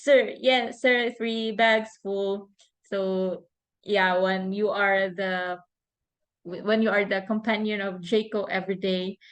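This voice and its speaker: A woman presenting a case study to a class as the child's mother, reading points and at times imitating a toddler's speech. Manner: reads bullet points, then imitates a toddler's words in a high sing-song voice.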